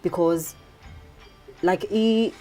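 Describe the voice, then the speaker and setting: Lowish-voiced woman rapper. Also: drawn-out words, dark tone, faint music behind. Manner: laughing, mixes in Zulu, emphatic slang. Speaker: rapper guest. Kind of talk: casual panel chat.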